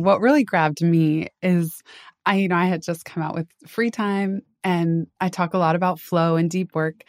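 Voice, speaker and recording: A woman's voice: on the low side, no room sound, clean studio sound. A woman hosting a podcast, an author who asks her guest thoughtful, eager questions. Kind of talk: podcast interview.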